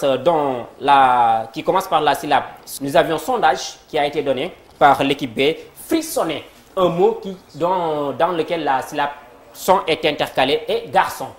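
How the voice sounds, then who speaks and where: A man with a Senegalese French accent hosting a TV quiz show, lively and full of fillers as he speaks to viewers. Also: a little high. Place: TV studio. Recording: roomy studio with faint noise.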